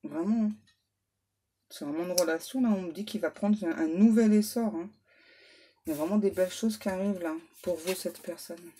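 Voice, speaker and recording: A woman medium giving a relaxed tarot reading to her viewers, reassuring them and tacking little asides onto her sentences. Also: fairly low pitch, slight background noise. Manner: unhurried, reassuring, full of little "hein" and "ouais" asides; reads English card names aloud. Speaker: medium doing card readings.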